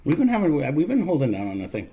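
Halting, enthusiastic male whiskey co-host. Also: fairly high pitch, huge pitch swings, mellow, dull audio, slight background noise. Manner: halting, repeats words, enthusiastic. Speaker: whiskey review show co-host. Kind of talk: casual tasting chat.

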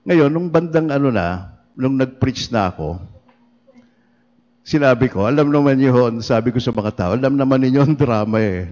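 A medium-pitched male priest tells humorous stories in a sermon during a livestreamed mass. He's lively and chatty, often laughing, and the church livestream sounds dull and reverberant.

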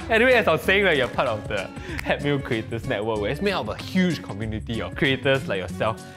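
A man's voice: medium pitch, sing-song, quick pace. A young man with a Singaporean accent hosting a casual comedic interview, bantering playfully in Singlish. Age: young adult. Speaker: comedic interviewer, show host. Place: indoor office studio set. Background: background music.

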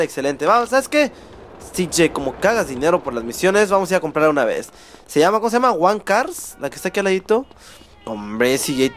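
Excitable Mexican gaming commentator. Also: male voice, on the high side. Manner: excitable, swearing, mock-shouting at the game. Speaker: gaming host.

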